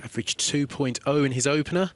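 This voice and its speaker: A man giving calm, explanatory play-by-play commentary on a billiards match. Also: medium pitch, fast. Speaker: sports commentator.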